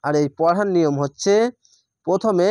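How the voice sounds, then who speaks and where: A man teaching Quran reading, sounding out each syllable slowly and drawing out the vowels before repeating whole words. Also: fairly high pitch, a little mellow, no echo, clean studio sound. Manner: slow, drawn-out syllable-by-syllable spelling and repetition. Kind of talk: spelling out Quran recitation lesson.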